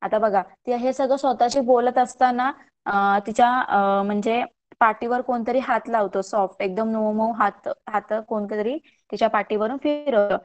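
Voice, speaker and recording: A woman's voice: a little high, measured pace, highs cut off. A woman teacher explaining a story to her class in an online lesson, often asking the students questions. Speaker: English teacher.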